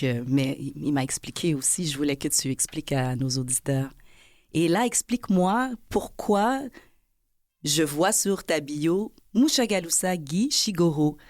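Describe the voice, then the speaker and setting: A woman's voice: deep voice, no room sound, studio quality. A woman hosting a podcast interview, chatty and friendly, with restarts as she talks. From not born in Quebec. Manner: warm, chatty, with laughs and restarts. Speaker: podcast host. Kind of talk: conversational interview.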